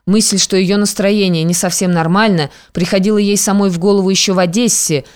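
A reader giving a steady, measured narration of classic literary prose. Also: medium pitch. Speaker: audiobook narrator.

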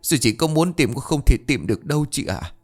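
Kind poor village lady, voiced by a man, soft and gentle, trying to comfort someone. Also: medium pitch, very animated, a little fast, breathy edge, soft background music, voice pushed up. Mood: consoling. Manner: gentle, consoling.

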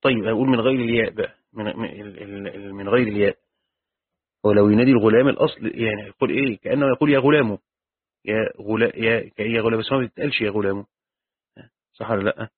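A man's voice: fairly low pitch, fairly even intonation, very fast, husky, no room sound. A man with an Egyptian accent teaching a Quran commentary class, reading the text and then explaining it in colloquial speech with frequent restarts. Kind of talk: reading and explaining a tafsir lesson. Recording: dry, tinny phone-like lo-fi audio.

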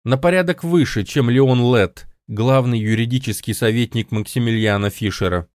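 A man voicing a tired, defiant male broadcaster in an audiobook, speaking slowly and deliberately. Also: mid-range voice, darkish tone, no echo, clean studio sound, close to an everyday voice. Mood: weary defiance. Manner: weary, slow and deliberate.

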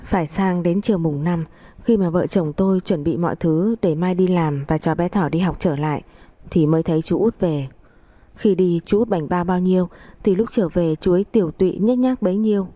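A woman reads a family story in the first person, steady and reflective. Her voice is low and dark. The sound is dry and close. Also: moderate pace, dry recording. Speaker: story narrator.

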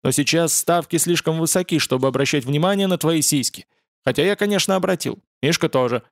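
A man's voice: a little high, vocal fry, no echo, studio quality. A man doing a sardonic mocking fallen angel. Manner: mocking, deliberately casual.

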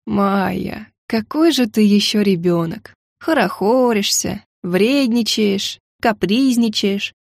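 A woman voicing a kindly male cook who talks patiently and chides gently. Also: mid-range voice, slow, vocal fry, dry recording, studio quality. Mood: chiding.

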